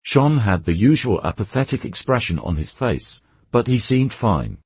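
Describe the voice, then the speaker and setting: A man narrating a novel as an audiobook, in a steady, descriptive storytelling way. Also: fairly low pitch, normal speed, breathy edge, no echo.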